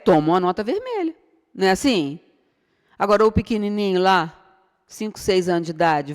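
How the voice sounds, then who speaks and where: A woman's voice: fairly low pitch, darkish tone. A middle-aged Brazilian woman giving an informal spiritual lecture, chatty and full of rhetorical questions. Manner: conversational, rhetorical questions with frequent tag "né?". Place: spiritist center hall. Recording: long hall reverb.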